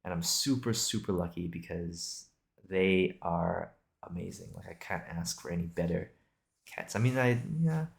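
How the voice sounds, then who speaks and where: A young video podcast host from Singapore and Australia chats casually and unscripted in a low voice with vocal fry, at normal speed. He rambles and hesitates, thinking aloud in a solo improvised session.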